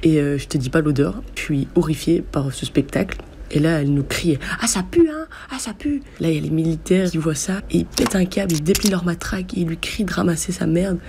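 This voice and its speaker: A woman's voice: deep voice, fairly even intonation, fast, vocal fry, warm tone, slight background noise. A woman telling a crude personal anecdote in a vivid, hesitant way, with many fillers. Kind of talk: casual storytelling.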